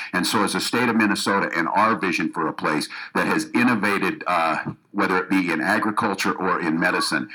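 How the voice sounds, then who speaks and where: His voice sits low, pushed and bright with a breathy edge, on a low-quality recording. A political candidate, he speaks earnestly to a meeting room audience of educators, restarting sentences often and repeating himself.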